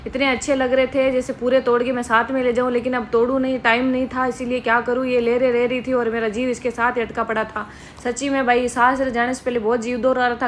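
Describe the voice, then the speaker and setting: A woman's voice: fairly high pitch, a little hiss or hum. Playful Rajasthani woman vlogging. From Rajasthan, India. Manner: playful, joking storyteller. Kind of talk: casual vlog narration.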